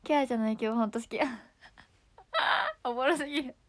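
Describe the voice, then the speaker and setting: A woman's voice: a little high, moderate pace, a bit bright. A young woman idol chatting casually on a livestream, giggling often as she reacts to comments. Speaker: idol streamer.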